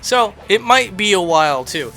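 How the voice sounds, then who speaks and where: With music in the background, a man hosts a rambling, casual game tour, cracking self-deprecating remarks as he chats. His high, sharp voice is very animated, though his speed stays normal.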